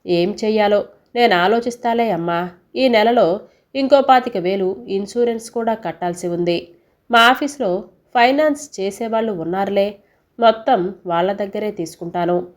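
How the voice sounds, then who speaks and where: An earnest grown son weighed down by debts, read by a woman storyteller. He talks in a reassuring, gently pleading way, in a mid-pitched voice. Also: moderate pace, lightly acted.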